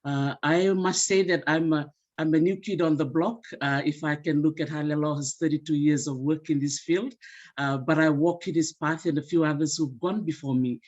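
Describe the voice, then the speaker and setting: Woman panelist, earnest and grateful, halting fillers, mellow tone, muffled call audio. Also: low voice, steady tone. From Fiji. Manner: earnest and appreciative, with frequent "uh" fillers. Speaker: museum association representative, panelist. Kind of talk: symposium panel remarks.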